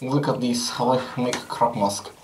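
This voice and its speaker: A man voicing a careless, fed-up Soviet factory worker, gruffly apathetic in broken English, in a comic aside. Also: mid-range voice, steady tone, moderate pace, natural voice, rough recording.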